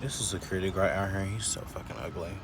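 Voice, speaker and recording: A man's voice: low voice, steady tone, background noise. Profane young man ranting in a car. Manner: profane, filler-heavy, quick to anger. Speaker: vlogger. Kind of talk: casual vlog rant. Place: inside a parked car.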